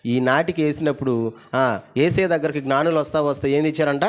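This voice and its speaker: Pastor preaching, pitch climbing to shouts. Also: male voice, steady tone, brisk. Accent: Telugu. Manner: calls the congregation to repeat and shout, pitch climbing loud. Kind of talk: sermon. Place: church hall.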